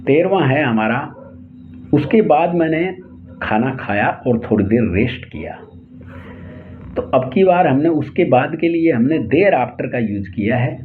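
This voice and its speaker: Slow-talking Indian man teaching grammar. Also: medium pitch, animated. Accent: Indian English. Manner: slow, spelling out example sentences word by word. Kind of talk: explaining English tenses in Hindi. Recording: tinny phone-like lo-fi audio, faint hiss.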